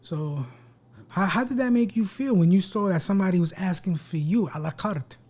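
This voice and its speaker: A man hosting a casual podcast chat, joking and swearing, speaking softly into a close mic. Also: high voice, normal speed. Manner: joking, profane, talks quietly and projects for the mic. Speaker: podcast host.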